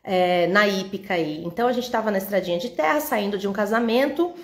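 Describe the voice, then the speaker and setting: A woman with a higher-pitched voice tells a story in a roomy, echoing space, lively and acting out the dialogue. She addresses a women's audience directly in a Bible teaching woven with personal story.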